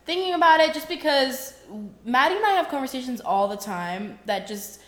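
A woman's voice: high-pitched, moderate pace, a bit bright. A woman in her early twenties with an American accent, chatting informally as a podcast co-host. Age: early 20s. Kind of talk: casual chat. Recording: roomy, echoing room sound.

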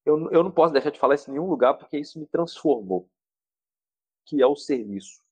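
A man with a somewhat high voice talks in a fervent, exhorting way, like a preacher on a podcast. He pushes his points hard and speaks straight to the listener as a therapist guest. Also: fast, dark tone, husky, dry recording. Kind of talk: earnest podcast talk.

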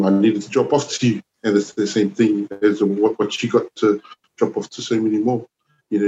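A man in his forties from New Zealand, a youth worker chatting as a podcast guest, relaxed and rambling with lots of "you know" and "man". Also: fairly low pitch, dull audio, slight background noise. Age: 40s. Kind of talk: casual conversation.

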